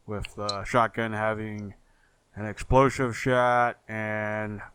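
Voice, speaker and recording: A man co-hosting a casual gaming podcast, talking in a slow, agreeable and hesitant way. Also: fairly low pitch, little pitch movement, fairly bright tone, smooth. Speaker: podcast co-host.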